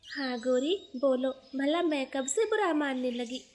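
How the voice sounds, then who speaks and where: A woman voicing a gentle young female sparrow daughter-in-law in a storybook cartoon, speaking softly and patiently. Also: high-pitched, animated, measured pace, slight background noise. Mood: meek. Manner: soft, meek, patient.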